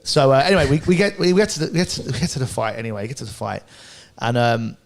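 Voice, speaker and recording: A man, co-hosting a casual podcast chat and telling a story in quick, animated bursts. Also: medium pitch, creaky. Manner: fast, animated storytelling with swearing and laughter. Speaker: podcast co-host.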